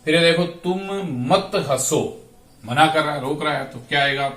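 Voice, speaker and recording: A man's voice: a little high, normal speed, fairly bright tone. A man teaching Sanskrit grammar, drawing out each word and repeating verb forms aloud. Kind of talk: slow classroom explanation. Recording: echoey room, voice from a distance.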